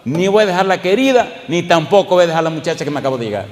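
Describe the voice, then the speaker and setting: A man's voice: a little high, lively intonation, rapid-fire, voice pushed up, natural voice. A man voicing a defiant, unrepentant middle-aged man who speaks bluntly and boastfully, heard with long church-hall reverb.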